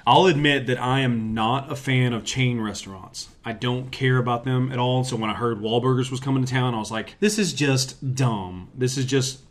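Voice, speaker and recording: A man's voice: mid-range voice, normal speed, few pauses. Joking man from Tennessee, casual chat. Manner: self-deprecating, jokey storyteller.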